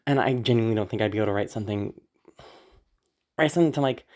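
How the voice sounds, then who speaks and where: Talking very fast in a mid-pitched, slightly mellow voice, an audio creator chats casually with their audience. Their throat sounds tired and sore from illness. The talk wanders and hesitates, anxious and apologetic, with casual swearing.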